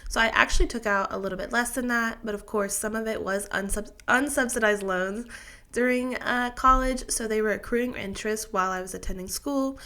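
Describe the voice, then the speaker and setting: A woman in her 20s who runs a personal finance vlog explains her money situation to camera, sounding congested from a sinus infection. Her fairly high voice is steady, brisk, bright and forceful. She is chatty but methodical, with fillers and restarts along the way.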